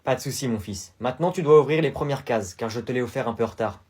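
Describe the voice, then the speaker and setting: A man acting in a comedy sketch, calm and measured, in a fatherly way. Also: mid-range voice, husky.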